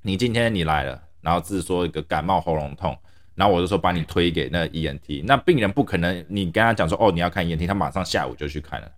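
Animated deep-voiced Taiwanese-born man. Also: fast talker. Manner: animated, mixes English phrases into Mandarin. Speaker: podcast co-host. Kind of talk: casual chat.

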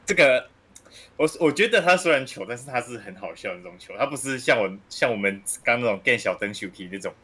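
Husky, fast-talking co-host cracking jokes. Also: medium pitch, expressive, a bit bright. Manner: teasing, quick joking replies. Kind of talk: casual chat.

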